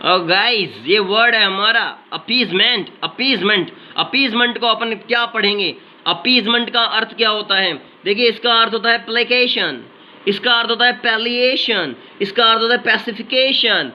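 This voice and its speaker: A man teaching vocabulary in an energetic exam-prep lesson, chanting memory tricks in a sing-song way. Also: high-pitched, normal speed. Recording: slightly dull lo-fi sound with faint noise.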